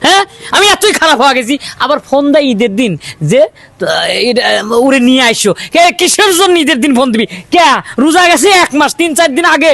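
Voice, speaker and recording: A man, playing a hot-tempered husband who shouts and quarrels. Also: very high-pitched, lively intonation, a little fast, dry recording, exaggerated voice. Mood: angry. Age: 30s. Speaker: angry husband in a staged news drama.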